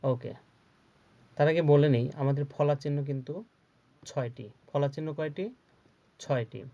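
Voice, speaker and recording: Spelling words syllable by syllable for children and answering the questions he poses himself, a man leads a spelling lesson. His voice is a little high, a little slow and mellow, and the lo-fi recording sounds dull.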